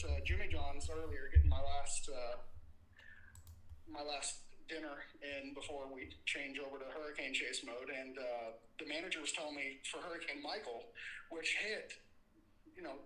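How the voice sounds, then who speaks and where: Storm chaser, male, crisp-edged bright voice, conversational and rambling live report, echoey space. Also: medium pitch. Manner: rambling, informal, matter-of-fact. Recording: roomy, echoey sound.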